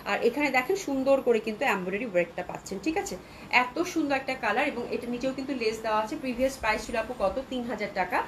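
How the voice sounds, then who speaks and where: A woman's voice: a little high, rapid-fire, slight background noise, poor audio. A woman from Bangladesh hosting a live clothing sales stream, chatting with viewers and reading out their comments, with a sore throat from a cold. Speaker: online clothing seller.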